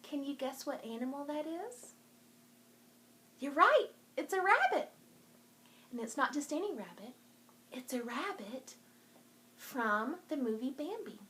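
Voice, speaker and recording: This children's librarian's voice sits high and sounds bright and forceful as she speaks unhurriedly, leaving long pauses. Hosting a virtual storytime for young children, she's sing-song and encouraging, showing and explaining things in a craft and show-and-tell video.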